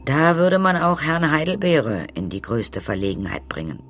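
A man voicing a sad, gentle old professor who plays the fiddle, in a storybook. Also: a little high, big pitch swings, moderate pace, soft background music, pitched above the performer's own voice. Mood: sorrowful. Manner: sorrowful.

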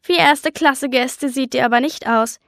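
A woman's voice: high-pitched, a little slow, fairly bright tone, no echo, clean studio sound. A woman reading the lines of a smug, rude man on a plane, in a mocking, condescending tone. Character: smug, rude tall man, airplane passenger.

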